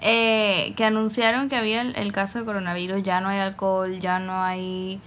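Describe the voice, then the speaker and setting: A woman's voice: medium pitch, flat delivery, moderate pace, a bit bright, a little hiss or hum. A woman from the United States co-hosting a podcast in casual, teasing, informal Spanglish. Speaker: podcast co-host.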